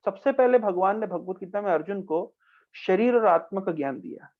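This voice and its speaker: A man's voice: high-pitched, moderate pace. Man telling a scripture story on a tinny line. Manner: repetitive storytelling with quoted dialogue and Sanskrit verses. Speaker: spiritual teacher. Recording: tinny phone-like recording.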